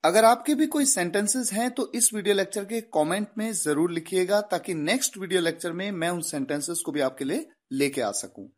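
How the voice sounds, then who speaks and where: A man with an Indian English accent teaching English in an online video lecture. He addresses viewers directly and says English sentences slowly and deliberately. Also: sits high, animated.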